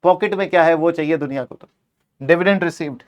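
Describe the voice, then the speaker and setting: A man's voice: on the high side, quick pace. A man teaching an exam-prep accounting lesson, playfully scolding the answer options and switching between Hindi and English.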